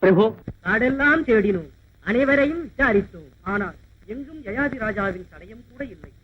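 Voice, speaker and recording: An actor playing a hot-tempered royal brother who speaks with sharp indignation. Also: male voice, high-pitched, expressive, normal speed, slightly rough. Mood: indignant. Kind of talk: dubbed mythological film acting. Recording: dull lo-fi old film soundtrack with music.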